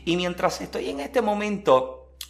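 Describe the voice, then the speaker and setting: A man preaching, telling a personal testimony in an earnest, lively storytelling manner. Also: high voice, measured pace, vocal fry.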